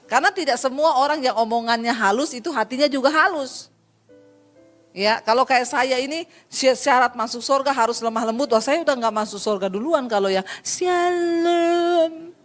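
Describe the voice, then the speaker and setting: High-voiced woman preaching with humor. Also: brisk, soft background music. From Sulawesi. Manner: lively, humorous, addresses congregation as saudara. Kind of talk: sermon.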